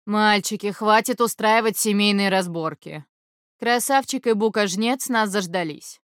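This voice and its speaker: A man's voice: high voice, measured pace, fairly bright tone, clean tone, no echo, studio quality, pitched above the performer's own voice. A man voicing a brash, teasing little horned female demon in an audiobook. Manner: teasing, cheeky.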